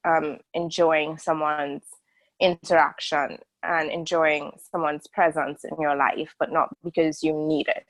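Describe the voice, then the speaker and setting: A woman's voice: low voice, level tone, unhurried, dry recording, rough recording. A woman in her early thirties, from a small island country, speaking as an interview guest on a video call in a candid, rambling way full of fillers and restarts. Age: 30s. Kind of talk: casual video-call conversation.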